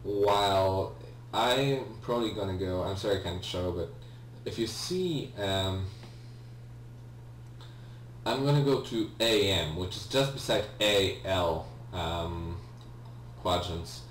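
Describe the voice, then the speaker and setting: A low-voiced man plays and hosts a video game, speaking slowly in casual commentary. He rambles hesitantly and often corrects himself mid-thought, and the mic sounds distant in an echoey room with a faint hum.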